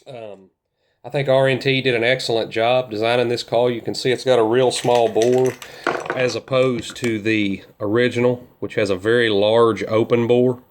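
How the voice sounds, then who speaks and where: A man's voice: mid-range voice, little pitch movement, normal speed, a little hiss or hum. A man gives informal instruction in a plain-spoken, folksy way as an experienced outdoorsman. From central Kentucky, United States. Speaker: duck hunter teaching calling techniques.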